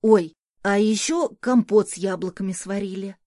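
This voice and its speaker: A woman's voice: medium pitch, normal speed, warm tone, dry recording, lightly acted. An eager, affectionate little boy chatters insistently about his morning, voiced by a woman reading a storybook. The sound is close and dry, with no room around it. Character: small boy, a young son, eager and affectionate.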